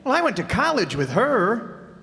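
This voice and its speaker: An amateur radio player acts a breezy, oblivious husband in an old-time radio sitcom, delivering lines with eager, exclamatory comedy. His voice is very high-pitched, swooping wildly, pushed and bright, heavily acted at a moderate pace. It was recorded as a stage performance in an echoey hall.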